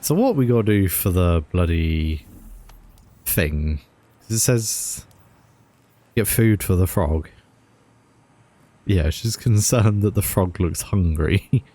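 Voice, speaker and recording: Deep slow guy gaming. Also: animated, dark tone. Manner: laid-back, chuckling, mumbling asides. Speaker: gaming channel host. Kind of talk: casual gameplay commentary.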